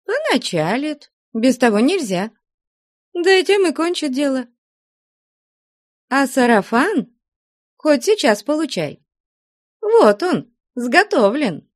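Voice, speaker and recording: A woman voicing a lively, headstrong young novice in a nunnery, eager and insistent. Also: high-pitched, slow pace, pauses often, voice pushed up, full character voice.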